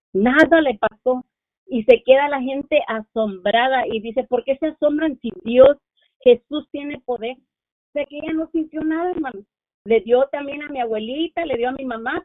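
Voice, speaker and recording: A woman's voice: sits high, no echo. Fervent middle-aged woman over a phone line. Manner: fervent, keeps addressing listeners as sisters. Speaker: church member giving testimony. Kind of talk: religious testimony. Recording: tinny dry phone-line sound.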